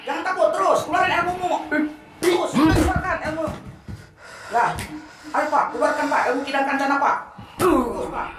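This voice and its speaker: A woman's voice: sits high, steady tone, normal speed, long pauses, far from the mic, natural voice. A woman voicing a greedy, scornful mother who bickers, mocks and eggs on a fight. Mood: scornful, goading. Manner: bickering, mocking, egging on a fight. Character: scornful greedy mother pushing a rich marriage. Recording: echoey room, off-mic, loud music.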